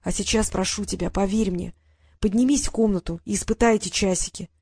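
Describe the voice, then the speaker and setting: A woman reading the part of an anxious, secretive young brother in an audiobook, speaking slowly and hesitantly. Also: mid-range voice, fairly even intonation, a little mellow, slightly rough, no room sound, clean studio sound. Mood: urgent.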